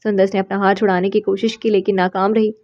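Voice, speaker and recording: Calm woman reading a novel aloud. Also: mid-range voice. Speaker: audiobook narrator. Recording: slightly muffled recording.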